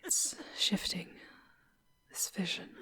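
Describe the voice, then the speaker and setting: In a breathy, whispered ASMR roleplay, a woman voices a female demon guide who is charming, tender and sorrowful. Her phrasing is halting and dramatic, broken by long pauses, and her voice sounds natural. The mood is hushed and mournful.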